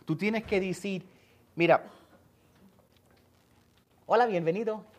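A man preaching a sermon in a church, pausing often for an interpreter and repeating words as he goes. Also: high-pitched.

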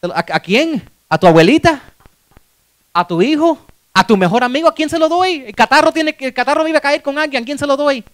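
Male preacher doing God: breezy, repetitive bargainer, high and loud. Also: expressive. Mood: mock bargaining. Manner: rapid, repetitive, loud and emphatic.

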